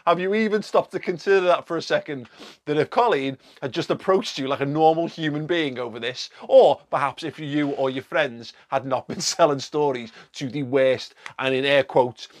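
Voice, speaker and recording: A man hosting an online video, talking in a casual, sarcastic way, with swearing, laughing asides and rambling restarts. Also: fairly high pitch. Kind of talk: casual spoken commentary.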